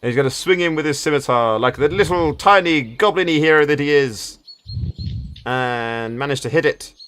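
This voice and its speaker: A man's voice: on the high side, moderate pace, fairly bright tone, clear, resonant tone. A man narrating a tabletop game as game master, stammering through restarts and chuckling at the table.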